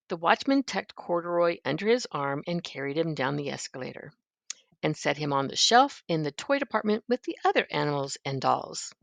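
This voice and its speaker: An older woman reading a children's story aloud in an expressive, gentle, grandmotherly manner. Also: fairly low pitch, no echo. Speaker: storybook reader.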